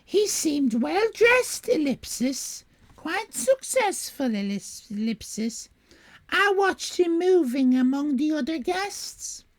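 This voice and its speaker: A woman voicing a tearful, sobbing lady witness in a melodramatic read-aloud story, with a squawky, quavering high voice. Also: sing-song, takes it slowly, dry recording, heavily acted. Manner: melodramatic, sobbing between phrases.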